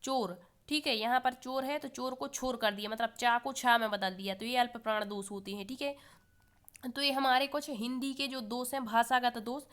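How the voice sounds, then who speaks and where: A woman with a fairly high, smooth and clear voice teaches an exam-prep lesson. She keeps putting questions to the learners and answers each one herself a moment later. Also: moderate pace, a bit bright. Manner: asks the class questions and answers them herself.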